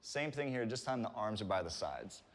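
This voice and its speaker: Male fitness instructor, lower register, calm and encouraging cueing, recorded in a very reverberant room. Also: moderate pace. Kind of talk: guided workout instruction. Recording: reverberant room with long echo.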